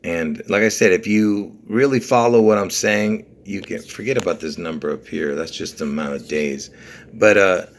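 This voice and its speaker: A man from Lebanon hosting a video, walking viewers through numbers in a rambling, insistent way, often checking "okay?" and "you see?". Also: low-pitched. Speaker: video host. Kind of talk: conspiracy numerology video walkthrough.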